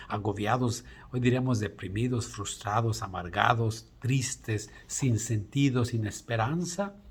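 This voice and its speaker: A male priest giving a reflective daily homily, speaking in short phrases with pauses and restarts. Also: medium pitch, a little mellow, slightly rough.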